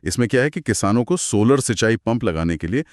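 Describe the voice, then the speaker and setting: A man's voice: fairly low pitch, animated, brisk, no echo, studio quality. A man co-hosting a scripted explainer chat, explaining details patiently. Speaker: co-host.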